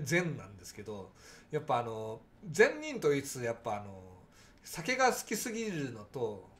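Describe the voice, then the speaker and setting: Nasal-voiced man chatting on a livestream. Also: a little high. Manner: projects his voice to carry, chatty with frequent fillers. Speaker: livestream host. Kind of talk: casual chat reading viewer comments.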